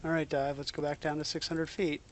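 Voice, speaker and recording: A man's voice: on the high side, flat delivery, fairly quick, a little hiss or hum. A man streaming a game, giving casual commentary mixed with spoken commands.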